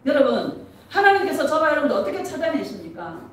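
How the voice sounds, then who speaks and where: A middle-aged woman pastor preaching an animated sermon, laughing often and asking the congregation questions. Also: high voice, quick pace, a little hiss or hum. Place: church sanctuary. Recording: echoey church from a distance.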